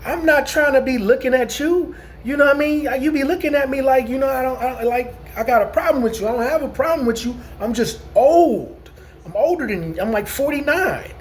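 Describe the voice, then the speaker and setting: A man near fifty talks straight to his audience in a loose, meandering vlog monologue. His voice sits unusually high for a man. He stumbles and restarts often, checking in with his listeners again and again, over a faint hiss of background noise. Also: fairly quick. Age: 40s. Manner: rambling, repeats "you know what I'm saying", frequent restarts. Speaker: vlogger. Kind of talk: casual storytelling monologue.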